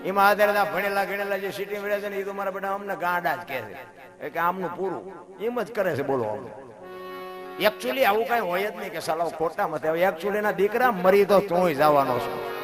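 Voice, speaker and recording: A middle-aged man with a Kathiawadi Gujarati accent gives a folksy devotional talk, going from loud exclamations to low, quiet asides. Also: fairly quick. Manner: folksy, addresses listeners as bapu. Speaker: devotional storyteller. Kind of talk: devotional folk discourse. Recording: live recording with instrumental music behind. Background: instrumental music.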